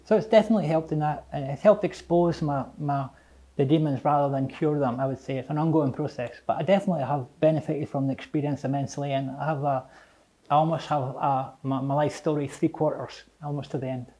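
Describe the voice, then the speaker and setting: A middle-aged man with a Scottish accent and slightly slurred, toothless articulation, speaking reflectively and haltingly in an interview, often repeating phrases. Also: on the high side, steady tone, dark tone, poor audio. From Edinburgh, Scotland. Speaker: interviewee, English teacher.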